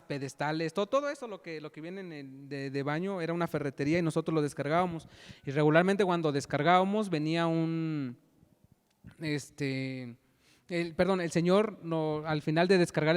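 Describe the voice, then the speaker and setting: A young man giving a personal testimony in a sermon, halting and repeating words, often asking "¿verdad?". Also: on the high side, smooth. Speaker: lay preacher giving testimony. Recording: long hall reverb.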